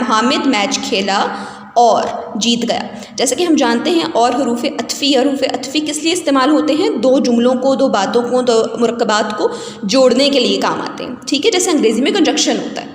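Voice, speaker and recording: A woman's voice: sits high, a little hiss or hum. A woman teaching a recorded lesson, explaining carefully and spelling out vowel marks letter by letter. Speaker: Urdu teacher. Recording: echoey room with long reverb.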